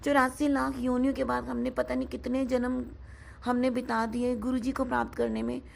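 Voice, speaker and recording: Hoarse, gravelly high-voiced woman. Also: little pitch movement, moderate pace, slight background noise. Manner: earnest, keeps addressing listeners as sangat ji. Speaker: devotee sharing a satsang. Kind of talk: devotional testimony talk.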